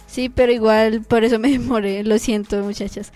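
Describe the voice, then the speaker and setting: A woman playing an easygoing young man in an amateur radio drama, talking loudly in a chatty, apologetic way. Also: on the high side, fairly even intonation, normal speed, soft background music, close to an everyday voice.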